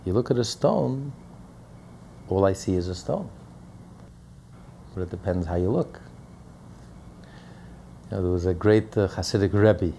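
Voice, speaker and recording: A man's voice: sits low, measured pace, creaky, long pauses, mellow, a little hiss or hum. A man teaching a Torah lesson as a rabbi, speaking emphatically and repeating key phrases.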